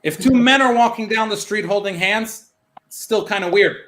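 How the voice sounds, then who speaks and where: A young adult man from the United States, with a voice that sits high and a bit bright, performs a stand-up comedy set over a live stream. He tells a story, acting out his mom's and his friend's lines in quick back-and-forth. There's a little hiss or hum.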